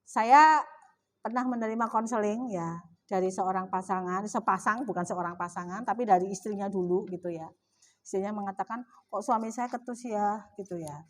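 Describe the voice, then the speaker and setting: A woman's voice: medium pitch, moderate pace. A middle-aged woman with a Javanese accent gives a chatty religious talk in a mosque, often asking her audience questions. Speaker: Islamic women's study speaker.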